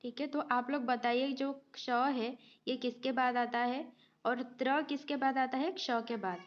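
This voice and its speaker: A woman teaching a grammar lesson at a slow, unhurried pace, her voice sitting a little high. She goes through quiz questions patiently, explains each step and checks in with the students. The sound is dull and a bit lo-fi. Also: fairly even intonation. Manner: patient, explains step by step, often adds a short "okay" check. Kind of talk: exam-prep lesson going through multiple-choice questions.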